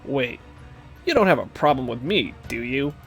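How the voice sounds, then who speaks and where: A man's voice: mid-range voice, animated, normal speed, creaky, husky, soft background music. A man voicing a sly, smug young man who drawls and threatens casually while reading game dialogue. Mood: mocking. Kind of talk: reading a game's dialogue aloud.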